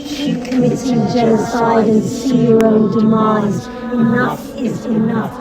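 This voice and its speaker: A woman voicing an angry ancient Mother Earth who scolds humankind in a commanding, defiant way, over loud music. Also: fairly high pitch, little pitch movement, measured pace, close to an everyday voice, low-quality recording. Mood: scolding, defiant.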